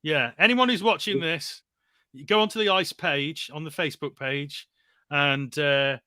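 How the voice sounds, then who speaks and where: A man's voice: fairly high pitch, measured pace, sharp tone, dry recording. A man co-hosting a casual podcast chat about comics, talking enthusiastically and laughing often. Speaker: podcast co-host.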